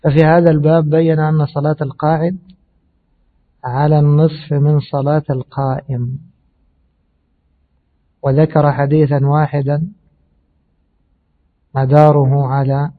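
A man giving a measured religious lesson on hadith, explaining slowly and pausing with fillers. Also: on the high side, little pitch movement. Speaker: hadith teacher. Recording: tinny phone-like audio.

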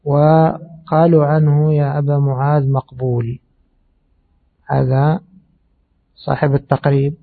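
A man giving a measured religious lesson on hadith, explaining slowly and pausing with fillers. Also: fairly high pitch, level tone, vocal fry. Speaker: hadith teacher. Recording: tinny phone-like audio.

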